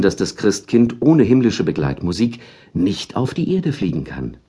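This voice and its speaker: Husky low-voiced man reading a story. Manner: lively, expressive storytelling. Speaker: audiobook narrator.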